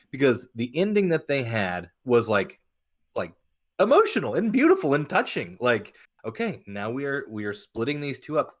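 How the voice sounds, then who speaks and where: A podcast co-host with a medium-pitched voice chats casually, offering his opinions in a halting, blunt manner with some swearing.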